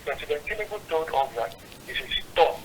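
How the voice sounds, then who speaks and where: A man's voice: a little high, animated, a little fast, a little hiss or hum. A man calling in to a radio phone-in. His voice comes through the phone muffled, as if through a wall, and he talks earnestly, breaking off and restarting as he goes. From Nigeria. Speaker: caller.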